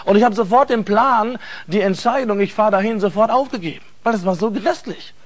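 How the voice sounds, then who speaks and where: Intense high-voiced man, lo-fi testimony. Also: a little fast. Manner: intense, emphatic, repeats words for stress. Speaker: speaker giving a personal testimony. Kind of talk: earnest personal testimony. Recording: dull lo-fi recording.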